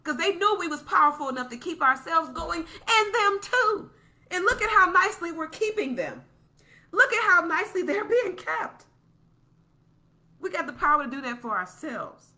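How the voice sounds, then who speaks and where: A woman speaks with a high, bright, forceful voice in a passionate, preachy podcast monologue. She circles back and repeats her points for emphasis, building to a soapbox pitch. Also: very animated, normal speed.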